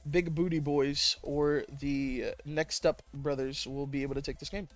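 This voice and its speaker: A man hosting and casting an amateur online game tournament, laughing often and jumping up in pitch when excited. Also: normal speed, soft background music. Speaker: tournament host and caster. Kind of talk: casual esports commentary.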